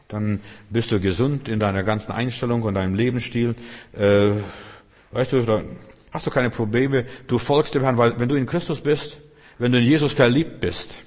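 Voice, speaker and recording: A male pastor, preaching a sermon and rising loud on key phrases. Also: mid-range voice. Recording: long hall reverb.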